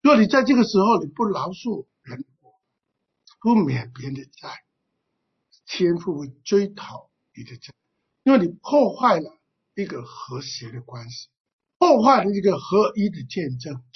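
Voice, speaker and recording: A husky preacher delivers a sermon in a lively voice that rises and falls widely. The delivery is fervent and is broken up by frequent throat-clearing and drawn-out "ah" fillers. The sound comes through a dull, lo-fi recording. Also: medium pitch. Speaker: pastor.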